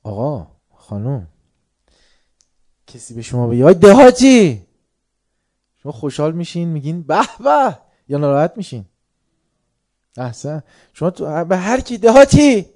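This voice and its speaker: A middle-aged man from Tehran preaching to a seated crowd, his voice mellow and warm. He drops into quiet, drawn-out musing, then flares up loudly to put a pointed question to the room. His delivery feels unhurried and conversational, like a teacher leading his listeners step by step. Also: a little high, big pitch swings. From Tehran, Iran. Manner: questions the audience, shifts between quiet musing and sudden loud bursts. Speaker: religious lecturer. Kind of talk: sermon to a live audience.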